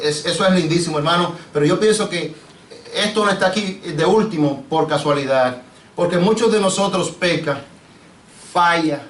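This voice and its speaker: Un pastor predicando con acento caribeño a su congregación, con preguntas frecuentes y tratándolos de hermanos. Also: male voice, a little high, fairly bright tone, a little hiss or hum. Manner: preachy, asks the congregation questions, addresses them as brother. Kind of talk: sermon. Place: church sanctuary. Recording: echoey church, mic off at a distance.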